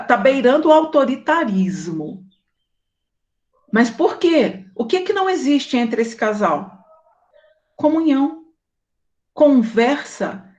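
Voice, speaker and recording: A woman with a Brazilian Portuguese accent speaks casually to her audience, her voice sitting a little on the high side. She tells stories in an animated way and slips into acted dialogue. It is a relaxed, chatty host's delivery. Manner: animated storytelling, acting out quoted dialogue; married woman recounting daily life. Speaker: host.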